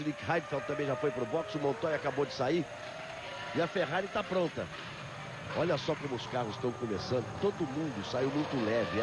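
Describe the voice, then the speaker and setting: A man with a Brazilian accent doing live motor race commentary as lead commentator, calling the action and repeating key phrases. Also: on the high side. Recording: loud engine and trackside noise. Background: race car engines, outdoor vehicle noise.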